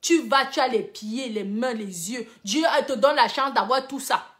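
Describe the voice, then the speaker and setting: Brief: middle-aged woman, high voice, emphatic online commentator who lectures and repeats herself for stress. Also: normal speed. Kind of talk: casual commentary to viewers.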